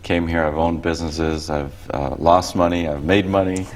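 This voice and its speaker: Deep-voiced man from costa rica, talk show guest, easygoing explainer. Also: flat delivery, normal speed. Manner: explanatory, conversational. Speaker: economics instructor, guest.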